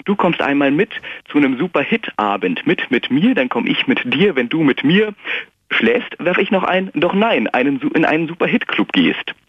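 Brief: man playing a bubbly young pop-loving woman, raised pitch, dry, dull phone line. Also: very animated, moderate pace, husky, no room sound. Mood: coaxing. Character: young woman friend who loves chart pop.

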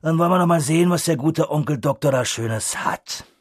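A man's voice: fairly high pitch, fairly quick, slightly rough, dry recording. A man voicing a boisterous, mocking drunkard in an audiobook reading, with a brash, raised voice.

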